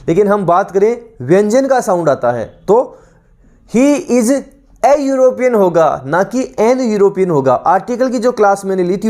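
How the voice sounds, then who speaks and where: A teacher giving an exam-prep vocabulary lesson, reading each English definition out slowly, then repeating the answer word again and again with explanations. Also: medium pitch, a little mellow. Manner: explains in Hindi mixed with English terms.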